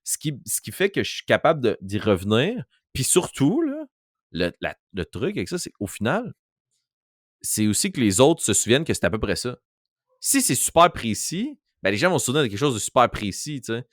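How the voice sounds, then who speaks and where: Speaking with a Quebec French accent, this man is a game master in casual podcast chat who acts out voices while explaining. His medium-pitched voice swings hugely in pitch and moves a little fast, and the studio recording is clean and dry.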